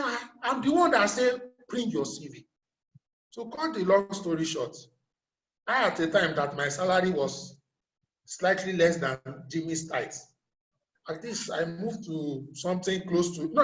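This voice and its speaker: Man, Nigerian accent, middle-aged, storytelling talk, rhetorical questions, roomy echo. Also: high-pitched. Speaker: motivational speaker.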